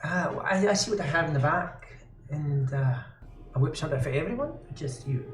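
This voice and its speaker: A man's voice: a little high, lively intonation, a little fast, faint music behind, close to an everyday voice. A man voicing a very old, doddering female innkeeper who fumbles and trails off. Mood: hesitant. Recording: echoey room.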